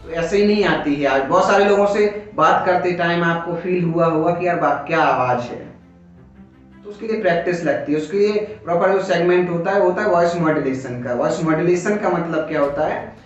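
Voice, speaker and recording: This Indian-accented man teaches as a coaching instructor would, switching between Hindi and English in a loose classroom lecture where he answers his own questions. His pitch is fairly high and his pace a little fast. Background music plays, and the audio is dull and echoey from a far-off mic.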